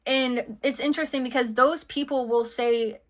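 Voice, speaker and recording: Woman, tarot reader, slightly high pitch, chatty intuitive reading, lots of fillers. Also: fairly even intonation, moderate pace. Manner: chatty, full of "okay" and "like" fillers.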